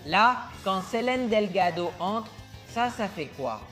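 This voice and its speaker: An excitable man bosses his dad through a horror game, chattering, teasing and giving orders. Faint music runs under his voice. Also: high-pitched, takes it slowly. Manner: bossy, jokey, directs the game. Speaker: gamer playing with his father. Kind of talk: excited let's play chatter.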